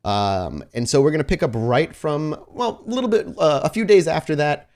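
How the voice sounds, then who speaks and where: A man with a somewhat high, expressive, slightly dark voice speaks at a moderate pace. He's the host and game master of a tabletop roleplaying podcast, chatting casually before sliding into improvised scene narration.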